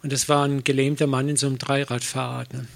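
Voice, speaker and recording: A man's voice: mid-range voice, little pitch movement, fast talker, gravelly. A middle-aged man, a pastor, preaching a sermon in a conversational way, with anecdotes and self-mocking humor.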